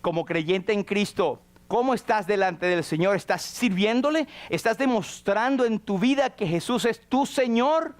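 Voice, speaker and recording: A man's voice: sits high, expressive, measured pace, hardly any pauses. A man preaching a sermon as pastor, acting out quoted prayers and dialogue. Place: church.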